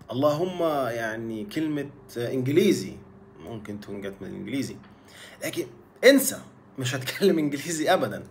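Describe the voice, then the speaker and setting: A man with an Egyptian Arabic accent teaching a casual spoken lesson, lively and repetitive, stretching words for emphasis. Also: medium pitch, slight background noise.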